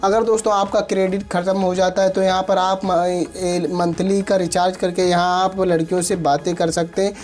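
A man's voice: high-pitched, level tone, normal speed, hardly any pauses, a little mellow. A man hosting a tech tips channel, giving a scripted, instructional voice-over that walks listeners through an app step by step. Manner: instructional, addresses listeners repeatedly as friends. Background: background music.

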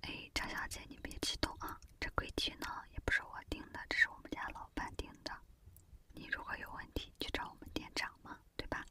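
Girl doing a pushy shop saleswoman, whispered role-play, all soft whisper, coaxing customer service talk up close. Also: fairly quick, lightly acted. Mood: placating.

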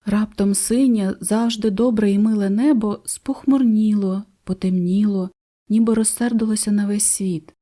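A woman narrating a fairy tale audiobook for children in a gentle, expressive way. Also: medium pitch, moderate pace. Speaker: storyteller.

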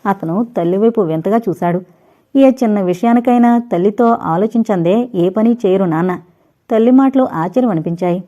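A woman narrating a novel in a steady, even storytelling manner. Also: mid-range voice, moderate pace. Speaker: audiobook narrator. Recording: dull lo-fi recording.

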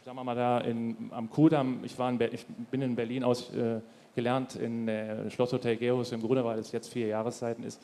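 A man's voice: mid-range voice, darkish tone. A man talking loosely and ramblingly as a guest in a panel discussion. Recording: long reverb hall.

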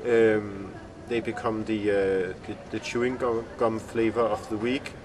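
A man's voice: lowish voice, flat delivery, crowd noise. Danish-accented man, recorded a little far off. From Denmark. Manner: halting, searching for words. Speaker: filmmaker being interviewed. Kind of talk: reflective interview answers. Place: outdoor courtyard among glass buildings. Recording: distant mic outdoors, urban bustle behind.

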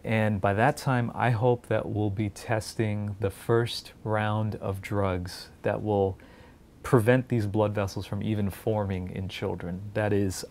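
A pediatric clinical fellow, born in India and raised in New Jersey, speaks earnestly and encouragingly to the camera from an indoor research lab. His voice sits on the low side and is a little mellow, picked up by a lapel mic with slight background noise.

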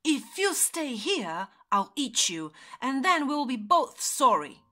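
A woman voicing a hungry, gruff old male wolf with a soft heart, groaning and grumbling through his lines. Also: high-pitched, big pitch swings, slow pace, heavily acted. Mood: exasperated. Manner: groaning, grumbling, sometimes howling.

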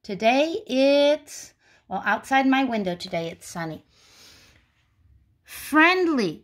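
A woman teacher leads a young children's phonics lesson at a slow, unhurried pace. She enunciates each word carefully and lifts into a bright, sing-song tone when she greets the class. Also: medium pitch.

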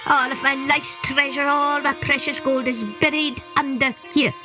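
A woman's voice: high-pitched, little pitch movement, moderate pace, music in the background, pitched above the performer's own voice, close to an everyday voice. A woman voicing a sly little old male leprechaun, wheedling and tricky.

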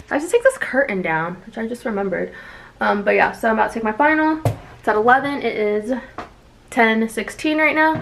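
A woman's voice: fairly high pitch, vocal fry, slight background noise. A young woman in college, filming a casual vlog in her dorm, chatty and upbeat with lots of fillers. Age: young adult. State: out of breath while walking. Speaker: college student vlogger. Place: college dorm room and outdoors walking.

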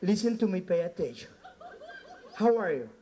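Brash high-voiced Cuban comedian. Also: male voice, very animated, unhurried, dark tone. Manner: brash, teasing banter with the audience, slipping into broken English. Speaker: stand-up comedian working the crowd. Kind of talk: live stand-up comedy. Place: nightclub stage with a live audience.

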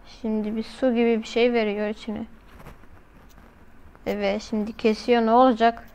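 A woman's voice: a little high, level tone, moderate pace, darkish tone, clean tone, poor audio. A woman doing casual, slangy reaction commentary as a video host, often exclaiming.

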